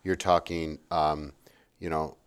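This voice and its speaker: A man's voice: very deep voice, flat delivery, takes it slowly, clear, resonant tone. A man in a casual history chat, rambling and checking in with his partner as he goes.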